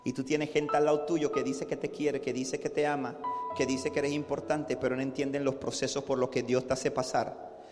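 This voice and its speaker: A man preaching a sermon as pastor, telling stories and acting out the voices, building to loud fervor. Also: mid-range voice, level tone, moderate pace, long reverb tail, over music. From from a city. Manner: storytelling preacher, acts out voices, builds to shouting. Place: church.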